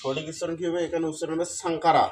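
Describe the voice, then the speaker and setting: A man teaching Sanskrit pronunciation step by step, repeating syllables slowly and asking questions he then answers himself. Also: on the high side. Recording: crowd noise in background.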